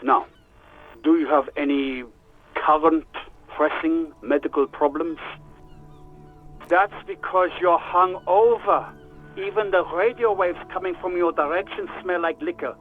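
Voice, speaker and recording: A bored, sarcastic police doctor in a video game, trading dry insults in a slightly high voice. He sounds tinny, as if over a radio line. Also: fairly even intonation, a little slow. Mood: sardonic. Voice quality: dry, dismissive and sardonic. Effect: radio transmission. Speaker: station doctor.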